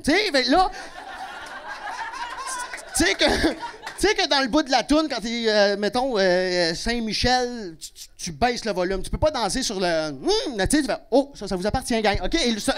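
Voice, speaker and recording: A young man with a Québécois accent works a comedy club crowd. His delivery is brash and full of swearing, and it jumps without warning from a low mutter into loud bursts. He talks into a handheld stage mic. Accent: Québécois French. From Quebec. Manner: brash and profane, with sudden loud outbursts. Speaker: stand-up comedian. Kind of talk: stand-up comedy set.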